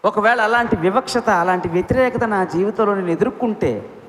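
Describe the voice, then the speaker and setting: A man preaching a sermon with passion, firing rhetorical questions and swinging between loud appeals and quiet, low lines. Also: a little fast. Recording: echoey hall with faint ambience.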